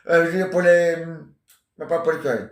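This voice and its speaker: A man's voice: a little high, fairly even intonation, brisk, far from the mic. A man in his forties rambling and joking in casual chat, teasing banter. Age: 40s. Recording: echoey room.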